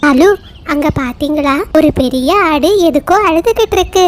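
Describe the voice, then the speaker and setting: A woman's voice: high voice, normal speed, natural voice. A woman voicing a greedy female crow in a cartoon, coaxing and sly. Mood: curious.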